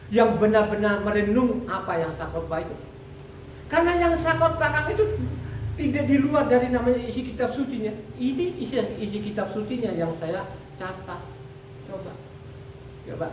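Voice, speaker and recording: A woman's voice: fairly high pitch, lively intonation, normal speed, long pauses, a little hiss or hum. A woman preaching a sermon in a repetitive, conversational way, often calling out to the congregation. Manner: repetitive, addresses the congregation as "saudara". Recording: echoey room, mic far off.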